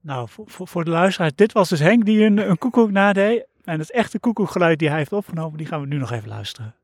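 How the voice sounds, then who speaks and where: A man interviewing a guest and asking quick, stumbling questions in a casual chat. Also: a little high, lively intonation, no room sound, studio quality.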